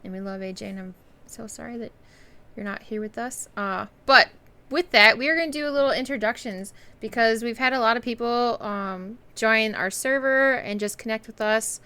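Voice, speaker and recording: A woman's voice: on the high side, moderate pace, bright, forceful tone, clean tone. A woman hosting a live stream, upbeat and chatty, opening the show. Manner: upbeat, laughs often. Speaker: host and esports coach. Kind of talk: casual livestream chat. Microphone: live stream microphone.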